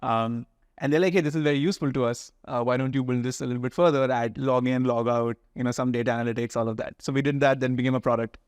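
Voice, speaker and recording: Male interview guest, polished educated Indian accent; informal explainer, mid pitch, very dry recording. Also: steady tone, quick pace, no room sound. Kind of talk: conversational interview answers.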